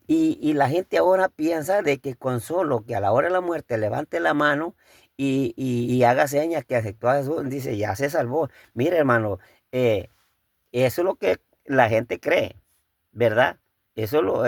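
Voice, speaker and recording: Male preacher, mid pitch, gravelly edge, dry close sound; informal sermon, halting and repetitive, addresses congregation as brother. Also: animated, no echo. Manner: conversational preaching, addressing listeners as brother, rhetorical questions; halting, repeats words as he thinks.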